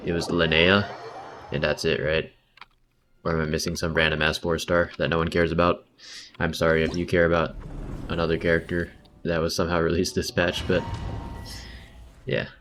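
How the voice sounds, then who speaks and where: Over background video game music, this streamer talks casually in laid-back slang, with muttered asides and frequent pauses. His deep voice is completely flat but fairly bright, moving at normal speed.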